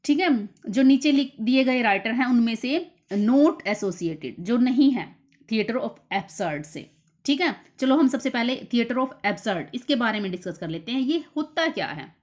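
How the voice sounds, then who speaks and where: A woman teacher explaining literature terms for an exam, slowly repeating key terms. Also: on the high side, animated, darkish tone. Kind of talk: exam-prep lecture.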